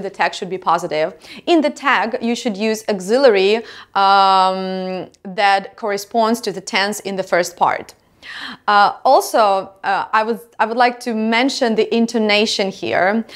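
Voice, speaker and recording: A woman with a Ukrainian accent, an English teacher explaining grammar plainly with many fillers. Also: mid-range voice.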